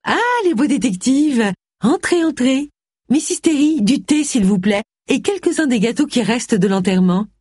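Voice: medium pitch, lively intonation, moderate pace, darkish tone, husky, no echo, voice pushed up. A reader voicing a theatrical, gushing heiress near sixty from a storybook, with a dry, close sound. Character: Cassandra, eccentric heiress near sixty, woman.

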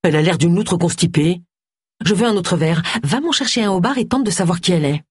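Brusque jealous middle-aged woman, indignant, slightly husky, read by an audiobook narrator. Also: medium pitch, lively intonation, quick pace, dry recording, clean studio sound, pitched above the performer's own voice. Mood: sharp. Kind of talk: audiobook character voice.

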